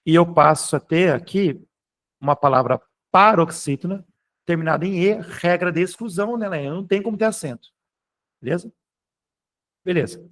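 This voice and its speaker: A man with a Brazilian Portuguese accent teaches grammar in a live online class. His voice sits a touch high, and his delivery is informal and patient. He keeps pausing to check that students are following. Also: fairly bright tone. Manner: explanatory, keeps checking in with "tá?" and "beleza?"; informal, occasionally swears.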